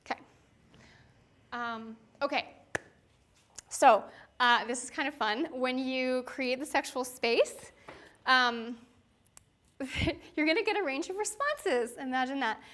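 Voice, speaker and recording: Young woman giving a frank talk, kinda high voice, chatty, says like and um a lot. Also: slow pace, long pauses, fairly bright tone. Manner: frank, chatty, many "like" and "um" fillers, laughs often. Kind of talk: candid conversational talk.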